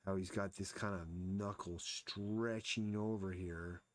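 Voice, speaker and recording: A man's voice: low-pitched, fairly even intonation, takes it slowly, dry recording. A man casually thinking aloud as he sketches and explains anatomy during a live drawing stream. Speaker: artist streaming his drawing.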